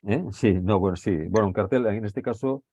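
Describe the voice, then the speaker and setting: Deep-voiced Spanish teacher explaining a text. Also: male voice, moderate pace, dark tone, no room sound, muffled recording. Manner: checks understanding with frequent tag questions.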